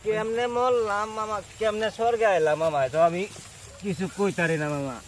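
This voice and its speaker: A man's voice: sits high, fairly even intonation, normal speed, a little hiss or hum, close to an everyday voice. A man playing a bewildered, deferential drunk sidekick with a Bangladeshi Bengali accent, pleading and repeating himself in an amateur comedy skit.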